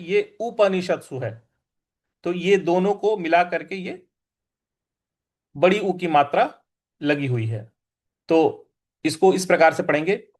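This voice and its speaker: A man with a high voice leads a recitation lesson at an unhurried pace. He pronounces each syllable with care and repeats it for the listener. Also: a little mellow. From India. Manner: slow, careful, repeats syllables for pronunciation. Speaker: scripture teacher.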